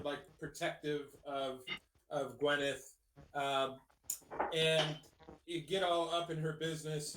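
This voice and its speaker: Slow, hesitant man running a tabletop game. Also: fairly high pitch, reverberant, far from the mic, background noise. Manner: hesitant, many ums and restarts. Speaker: game master.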